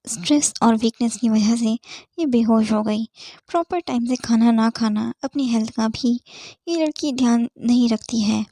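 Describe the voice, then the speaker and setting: A woman voicing a playful, teasing young male doctor friend in an audiobook story, chatty and quick to tease. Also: on the high side, mellow. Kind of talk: audiobook character voice.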